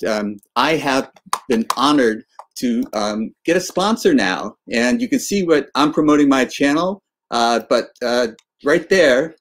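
A man in his sixties hosting a casual video-call interview, talking haltingly with many fillers and restarts. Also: medium pitch. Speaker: interview host. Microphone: webcam on video call.

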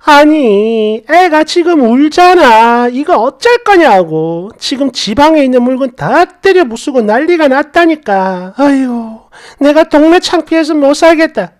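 Storybook role: a woman playing a middle-aged sister-in-law, shrieking, scolding, pitched high and loud. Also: very animated, unhurried, few pauses. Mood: yelling angrily. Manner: yelling, scolding.

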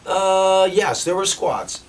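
A man in his fifties, born in the Netherlands, chatting as a musician guest in a rambling, animated way that repeats phrases. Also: high voice, slow pace, a crowd in the background. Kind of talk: casual interview chat. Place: basement utility room. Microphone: camera mic from a few feet away. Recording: distant camera mic, faint room hiss.

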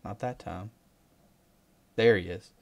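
A man talks over his own fishing footage in a loose, rambling way, often repeating words. His voice sits a little low, and he livens up whenever a big fish shows. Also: slow pace, creaky, a little mellow. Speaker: fishing vlogger.

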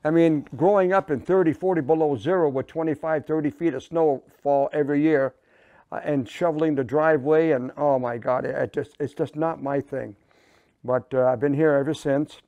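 A man's voice: on the high side, steady tone, moderate pace, dry recording, phone-quality sound. A man in his seventies, from Canada and raised in Massachusetts, telling his life story as an interview guest in a rambling, folksy way, seated in a studio. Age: 70s. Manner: rambling, folksy anecdotes with restarts. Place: indoor studio set, seated.

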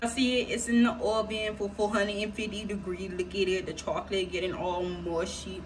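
Though she's chatting playfully and casually in slang to viewers of her home cooking vlog, this young adult American woman's delivery is flat, at medium pitch and normal speed. She records in a small home kitchen indoors with a phone or camera propped at a distance, so the audio is distant with noisy ambience.

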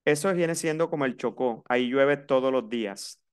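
A man with a Colombian coastal accent teaches a language class and moves between two languages as he goes. His voice is smooth and clear at an ordinary middle pitch. He explains patiently and repeats key words so his students can follow. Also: normal speed. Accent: Colombian Caribbean coast. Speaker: French teacher. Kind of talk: classroom lesson, mixing Spanish and French.

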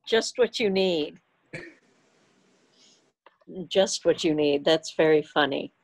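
On a video call from home, a woman chats casually and jokingly with fellow club members, laughing often. Her voice is low-pitched, animated and slow, and the recording quality is poor.

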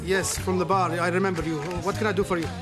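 An actor as a high-voiced, droll sitcom handyman. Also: little pitch movement, fast, over a noisy crowd, lightly acted. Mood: earnest, flustered. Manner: matter-of-fact, droll. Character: earnest, self-satisfied hotel handyman. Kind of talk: multi-camera sitcom acting. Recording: TV soundtrack with loud music and audience.

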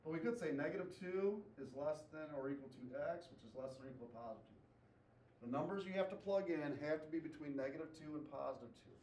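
A man's voice: fairly high pitch, animated, fast, a little mellow, a little hiss or hum. A man teaching a math class, asking students questions, repeating their answers and tagging "okay?" after his points. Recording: echoey classroom, voice from far off.

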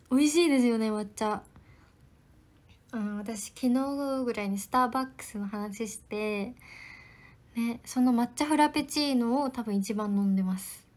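Young woman, idol trainee, livestream chat, polite and friendly, soft whispered asides, slightly high voice. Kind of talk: casual livestream chat answering viewer comments.

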